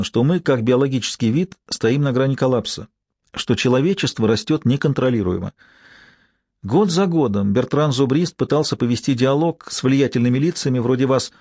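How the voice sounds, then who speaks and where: A bitter, impassioned woman in her early thirties, as a male audiobook reader puts her on. Her voice is quiet and faltering, with a sharp indignant edge, and sits only a touch above the reader's own middle pitch. It is a dry, close audiobook voice. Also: dry recording.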